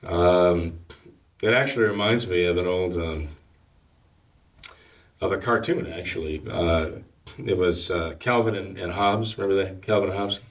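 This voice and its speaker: A priest with a fairly low voice talks through his views slowly and hesitantly, stopping often to restart his sentences. He sits a little back from the mic, so his voice sounds somewhat distant. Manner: measured, hesitant, full of fillers and restarts. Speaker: priest and guest. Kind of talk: casual talk-show discussion.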